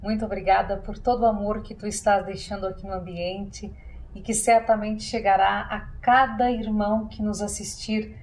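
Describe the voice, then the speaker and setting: A woman's voice: mid-range voice, steady tone, normal speed, a little mellow, poor audio. A woman hosts a TV interview in a studio. Her manner is earnest and effusive, full of thanks as she wraps up the show. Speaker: TV show host. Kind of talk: closing a televised interview.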